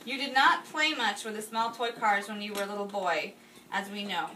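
Her mid-range voice sounds pushed and bright as she reads a speech at a moderate pace during a birthday party, tossing in casual comments. She stands in the kitchen of a busy house party, and a phone camera held a few feet away picks up the noisy scene.

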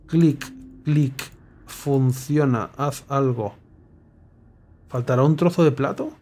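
This gameplay streamer mutters his way through a puzzle game in casual commentary, thinking aloud over clues and breaking into sudden excited exclamations. His mid-range voice is slow, with a little hiss or hum in the recording.

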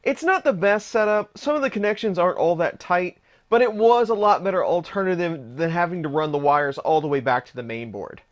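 A man's voice: sits high, animated, a little fast, few pauses. A man in his thirties hosting a hands-on 3D printer build vlog in his home workshop, explaining parts as he shows them. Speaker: channel host.

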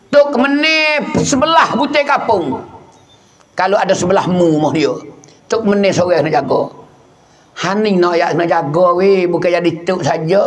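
High-voiced Patani Malay preacher. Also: male voice. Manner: repeats phrases for emphasis. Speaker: Islamic preacher. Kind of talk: storytelling sermon. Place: outdoor field at night.

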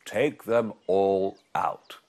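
A man voicing a calm wise old man who speaks low, slow and measured.

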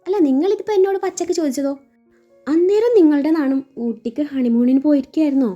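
A woman voicing a naive young wife who talks back quickly and sassily, over a dull recording with faint music. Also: high voice, warm tone, close to an everyday voice. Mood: sassy. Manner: quick, sassy, innocent.

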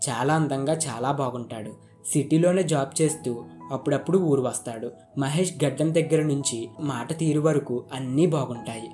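Male storyteller, scripted narration, mellow slightly high voice, faint guitar underneath. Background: faint guitar music.

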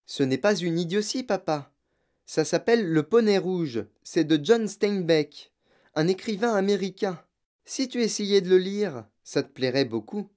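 A man's voice: high-pitched, expressive, a little slow, darkish tone, pitched above the performer's own voice. A man voicing a clever, bookish little girl who speaks in a sweet, sugary tone in a storybook reading. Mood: earnest.

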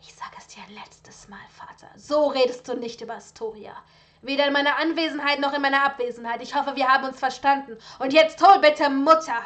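A woman's voice: on the high side, steady tone, normal speed, close to an everyday voice. Woman reading a defiant young aristocrat. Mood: firm. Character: proud young aristocratic son, firm and defiant. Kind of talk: storybook reading.

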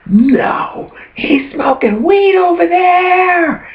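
A shrieking frantic tattletale. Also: male voice, lively intonation, extremely slow, reverberant, heavily acted. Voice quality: high-pitched shrill shouting. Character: shrieking adult male tattletale, frantic and accusing. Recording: tinny phone-like sound.

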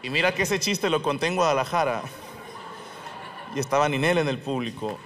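A man's voice: on the high side, fairly quick, background noise. A man with a Mexican accent doing a stand-up monologue on a comedy stage, telling stories with plenty of swearing and acting out the people he quotes. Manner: profane, lively storytelling, acting out quoted voices.

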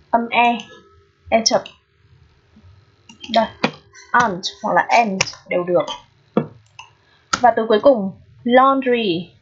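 A woman with a slightly husky voice talks students through a pronunciation lesson. She is patient and often checks in with them through quick questions. The recording is dull and lo-fi. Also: mid-range voice. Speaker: English teacher.

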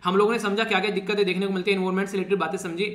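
Male current affairs tutor, high fast voice, joking casual lecture style. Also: little pitch movement, a bit bright, reverberant. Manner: chatty, teasing students, laughs often. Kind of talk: casual Hindi exam-prep lecture.

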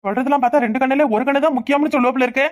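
A woman voicing a calm, reasonable village father in a cartoon, with a Tirunelveli Tamil accent. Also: high-pitched, very fast, close to an everyday voice. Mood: reasoning. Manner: soothing, reasoning. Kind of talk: cartoon voice acting.

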